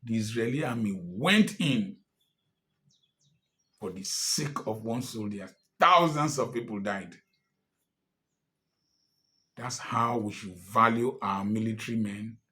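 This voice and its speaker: A commentator in his sixties with a Nigerian accent delivers an impassioned political address, emphatic and defiant, rising at times to angry outbursts. His voice is lowish and sharp in tone, and he speaks slowly with frequent pauses.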